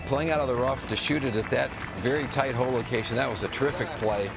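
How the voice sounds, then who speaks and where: A man's voice: medium pitch, fast talker, vocal fry, a loud crowd. A man speaking as a golf commentator and analyst, explaining play with music behind him. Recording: music bed under the voice.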